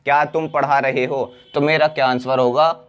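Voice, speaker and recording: Man, English teacher, slow repeated examples, rhetorical questions, lesson talk. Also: mid-range voice, level tone, clean tone, muffled recording. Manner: explains slowly, repeats phrases, asks himself rhetorical questions. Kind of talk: classroom-style spoken lesson.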